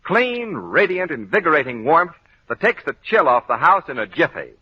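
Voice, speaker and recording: A man's voice: fairly high pitch, big pitch swings, moderate pace, breathy edge. An American man announcing in the emphatic style of an old radio announcer, reading introductions and sponsor copy. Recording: dull, band-limited old radio broadcast.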